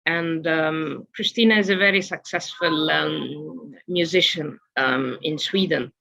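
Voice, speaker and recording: A woman presenting a storytelling workshop webinar, talking hesitantly with many filler pauses. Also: sits low, creaky, fairly bright tone, low-quality recording. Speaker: workshop speaker.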